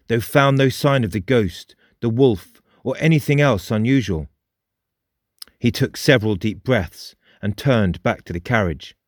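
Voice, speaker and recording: A man's voice: medium pitch, no echo, studio quality. Man narrating a suspenseful tale. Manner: measured and suspenseful, slowing for dramatic beats. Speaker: audiobook narrator. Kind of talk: scripted dramatic narration.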